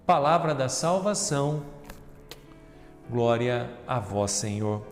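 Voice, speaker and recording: Brazilian deacon preaching in an echoing church. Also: male voice, mid-range voice, animated, slow pace. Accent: Brazilian Portuguese. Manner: earnest preaching, addresses listeners as brothers and sisters; swings between hushed reflective tones and loud emphatic reading. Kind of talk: Gospel reading and homily. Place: large church sanctuary. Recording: roomy church reverb with soft music.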